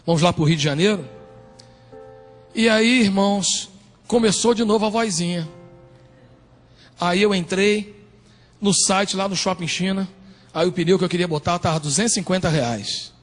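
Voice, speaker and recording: A man's voice: sits high, moderate pace, long pauses. A man with a Brazilian accent preaching a sermon as pastor, telling stories with humor and acting out voices. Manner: animated, humorous storytelling that acts out voices. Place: church sanctuary, indoors. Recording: reverberant church hall, faint music.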